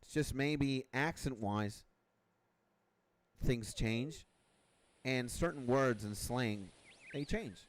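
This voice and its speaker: A man's voice: mid-range voice, slow, pauses often. A young man from Venezuela with a Venezuelan accent, chatting loosely and rambling while he streams a game. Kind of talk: casual chat while gaming. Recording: game music playing behind. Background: clear background music.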